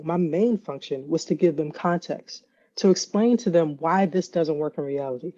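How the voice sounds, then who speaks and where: Woman guest telling stories, laughs a lot, acts out what people said, warm low-key tone, kinda muffled lo-fi audio. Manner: animated storyteller, laughs often, acts out quotes. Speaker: guest, AI ethicist and consultant. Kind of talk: casual conversational interview.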